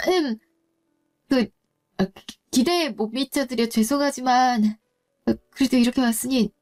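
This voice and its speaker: A woman's voice: fairly high pitch, darkish tone, lightly acted. A woman voicing a nervous young woman who stammers politely in a story drama. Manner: shy, stammering. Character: nervous young woman meeting her future mother-in-law.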